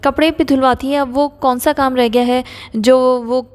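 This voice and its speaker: A woman narrating an audio novel in a steady, even storytelling manner. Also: high voice, in a large hall.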